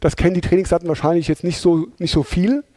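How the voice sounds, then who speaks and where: A man's voice: a little high, fairly even intonation, fast talker, mellow, no echo. A man presenting a talk in a chatty, informal way, with many fillers and tag questions. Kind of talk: conversational lecture.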